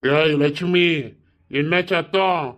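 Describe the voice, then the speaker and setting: A man playing a drunk, stubborn village father in a cartoon, gruff and defiant, with a Kanyakumari Tamil accent. The voice sits fairly high for a man and comes across smooth and clear. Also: steady tone, moderate pace, pushed and bright. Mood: shouting. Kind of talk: cartoon voice acting.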